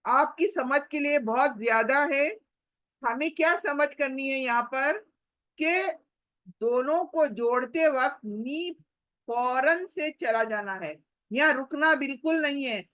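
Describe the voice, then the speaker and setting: High-voiced woman teaching recitation. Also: a bit bright, no room sound, low-quality recording. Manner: slow drawn-out recitation of examples, then brisk explanation. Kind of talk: online tajweed lesson.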